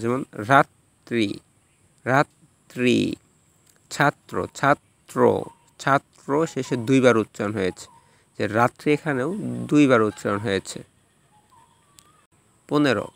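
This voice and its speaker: A man teaching a recorded lesson, reading out rules and repeating example words slowly and carefully. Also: medium pitch. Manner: slow, drawn-out repetition of example words.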